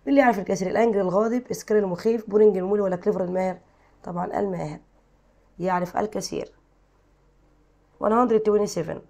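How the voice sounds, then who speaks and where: Brief: Egyptian woman teacher, dark gravelly voice, reads English exercises aloud and quizzes the class in Arabic. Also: medium pitch. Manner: reads English then translates, quizzing pupils. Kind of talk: textbook exercise lesson.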